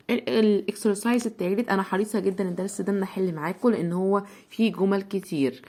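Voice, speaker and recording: Egyptian woman teaching slowly repeated words. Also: mid-range voice, a little mellow. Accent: Egyptian Arabic. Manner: slow, drawn-out repetition of words for children. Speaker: English teacher. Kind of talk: children's English lesson.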